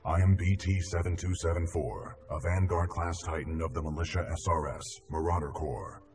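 An actor playing a huge, calm, loyal war robot in a video game, formal and measured. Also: male voice, sits low, lightly acted. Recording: distant voice amid game noise.

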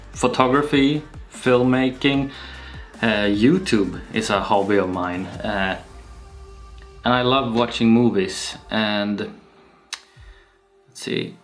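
A young Swedish man talks to camera in a relaxed, unhurried way from a small room at home, pausing often. His voice sits at an ordinary middle pitch, and faint music plays under it. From Sweden. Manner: slow and relaxed, with frequent pauses and fillers. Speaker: YouTuber. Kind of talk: casual vlog Q&A. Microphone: camera-mounted shotgun mic.

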